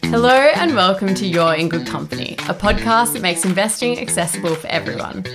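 A woman's voice: mid-range voice, animated, a little fast, loud music behind the voice. A woman hosting a podcast, reading upbeat introductions and chatting casually. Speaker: podcast host.

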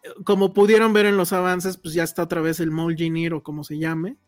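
A woman's voice: fairly low pitch, flat delivery, a little fast, soft background music. A woman with a Mexican Spanish accent chatting casually as a film reviewer, slangy and full of hedges. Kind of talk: casual movie review chat.

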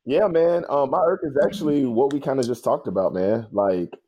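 A man's voice: mid-range voice, moderate pace, warm tone, dull audio. A man chatting casually as a podcast co-host, informal and conversational, often repeating himself. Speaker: podcast co-host, news producer.

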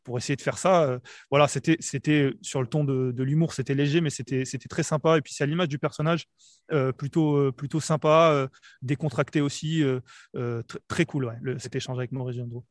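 Casting: quick, hesitant male reporter from southern France, dry close sound. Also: medium pitch, fairly even intonation, dry recording. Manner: hesitant, many fillers and restarts. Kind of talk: casual podcast chat.

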